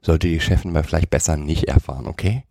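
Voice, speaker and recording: A man doing a croaky little gnome, cheeky and rude, very deep gravelly voice, dry close sound. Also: fast talker, warm tone, dry recording, full character voice. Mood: grumpy, cheeky. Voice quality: croaky, says "ey" constantly. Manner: brash, rude street slang. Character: cheeky little fat male gnome, slangy.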